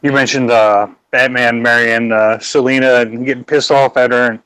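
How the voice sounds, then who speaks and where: A man's voice: medium pitch, fairly even intonation, normal speed, a bit bright, smooth, no echo, rough recording. Joking man on a dry mic. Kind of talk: casual chat.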